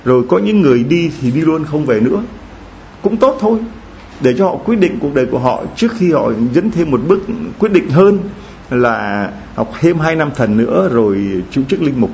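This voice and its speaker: Storytelling priest in a dull recording. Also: male voice, moderate pace, creaky, a little hiss or hum. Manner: storytelling, lively, addresses congregation directly with questions. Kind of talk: sermon. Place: church. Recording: dull low-fi sound with faint ambience.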